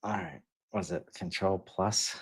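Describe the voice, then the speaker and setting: A man's voice: deep voice, a little slow, breathy edge. A man co-hosting a podcast, talking casually and hesitantly with many fillers. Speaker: podcast co-host.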